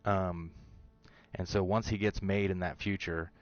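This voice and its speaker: A man's voice: low-pitched, fairly even intonation, unhurried, lo-fi sound. A man hosting a show, casually talking through his theories about a TV episode, rambling with fillers and restarts. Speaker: show host.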